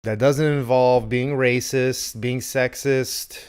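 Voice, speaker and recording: A man's voice: mid-range voice, fairly even intonation, takes it slowly, darkish tone, clear, resonant tone. A man in his thirties co-hosting a comedy podcast, rambling and joking with lots of swearing. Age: 30s. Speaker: podcast co-host. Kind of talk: casual chat.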